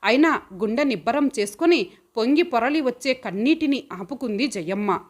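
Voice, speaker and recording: A woman's voice: fairly high pitch, lively intonation, normal speed. Woman reading a story aloud. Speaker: audiobook narrator. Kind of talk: audio story narration.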